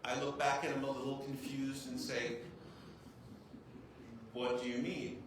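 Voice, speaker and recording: A medium-pitched man with a flat, unhurried delivery gives an informal talk to a group. He's a rabbi from the United States whose first language is English, and he leans on self-deprecating humor and repeated "right?" check-ins. The setting is a large echoey room with an audience, recorded by a distant clip-on mic that yields very echoey sound and faint noise.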